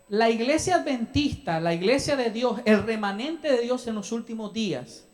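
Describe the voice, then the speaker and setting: A young man from El Salvador preaching a sermon as a pastor in a church, talking to the congregation with questions and acted-out asides. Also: high-pitched. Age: young adult. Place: church sanctuary.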